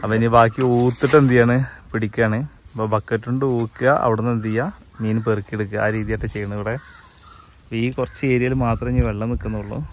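Speaking quickly in a fairly low voice with little pitch movement, a man in his thirties from Kerala, India, vlogs about fishing outdoors in paddy fields and a yard. A little hiss or hum sits under his Malayalam-accented, casual chatter as he explains things and often checks in with viewers, holding the phone camera himself.

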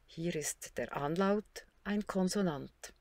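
Slow, deliberate woman narrating a lesson. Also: on the low side, a little mellow, no room sound. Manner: deliberate, clearly spelled-out syllables and sounds. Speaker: narrator of a teaching tutorial. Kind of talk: scripted instructional narration.

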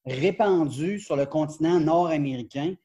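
Man in his forties, Quebec French accent, webcam video call, mellow husky voice, lively, gestures as he talks. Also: fairly high pitch, normal speed. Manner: animated, gestures a lot, many fillers and restarts. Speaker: professor and book author, guest. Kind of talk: academic interview over video call. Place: glass-walled sunroom indoors.

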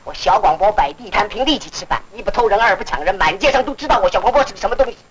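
An actor playing a coarse-spoken, defiant street vendor who talks indignantly, in 1940s film acting. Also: male voice, sits high, animated, racing, a crowd in the background. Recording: hissy noisy old film soundtrack.

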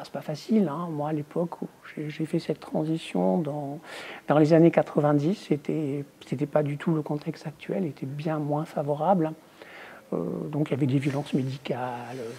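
A middle-aged woman, an academic researcher, answering interview questions in a thoughtful, measured way, her voice trailing off quietly at the ends of phrases. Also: fairly low pitch, breathy edge. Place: indoors, filmed for a museum exhibition.

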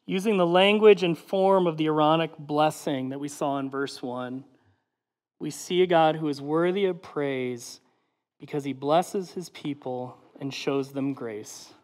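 Brief: male pastor, slightly high-pitched, measured, earnest sermon delivery with soft endings. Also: in a large hall. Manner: measured and earnest, slowing on key phrases, trailing off softly at line ends; closes with a prayer.

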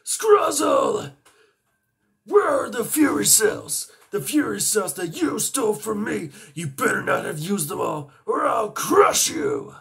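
A furious male monster villain from a kids' action show, roaring in a strained high scream. The voice is bright and gravelly, hurled out at full force. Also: huge pitch swings, slow, exaggerated voice. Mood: furious taunting. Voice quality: bellowing, screaming.

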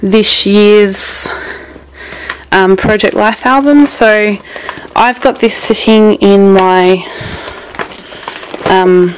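A young woman talks her way through a craft room tour, creaky voice, loose and rambling, laughing often. Her pitch sits in a middle range. Faint noise and clicks sit under her voice. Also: drawn-out words, long pauses, rough recording. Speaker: craft vlogger.

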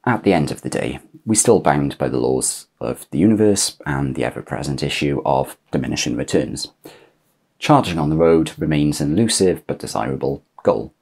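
A man in his thirties hosting a scripted explainer video to camera, measured and asking rhetorical questions, filmed in a small home office with a clip-on mic. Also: very deep voice, lively intonation, gravelly, a little mellow, breathy edge. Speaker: YouTube host explaining electric cars.

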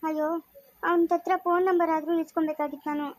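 A woman's voice: very high-pitched, level tone, fast, no echo. A young woman playing a lovesick student who talks in a pleading, emotional way in a family skit. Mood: worried. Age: young adult. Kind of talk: amateur family skit acting.

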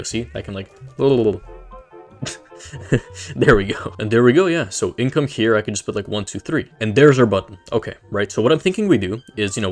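A young man from Canada casually explaining game coding, joking in slangy chatter full of fillers. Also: on the low side. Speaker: Roblox tutorial creator. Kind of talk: casual coding tutorial with jokes.

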